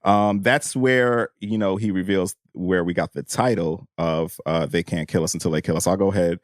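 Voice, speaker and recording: A podcast co-host talks through a book and reads passages aloud in a casual, slangy way, often saying "you know." His low voice has fairly even intonation at normal speed, recorded dry with clean studio sound.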